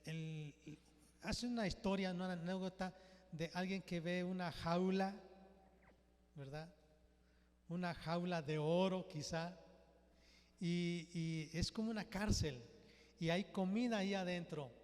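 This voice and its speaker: High-voiced male preacher, slow deliberate delivery, church hall reverb. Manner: storytelling with quoted dialogue, unhurried. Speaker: pastor. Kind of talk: sermon.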